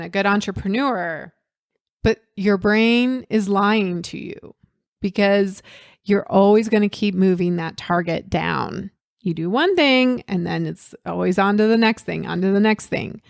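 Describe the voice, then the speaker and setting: A woman's voice: mid-range voice, gravelly, no room sound, studio quality. A woman hosting a solo business coaching podcast, talking to her listeners directly in an encouraging, conversational way.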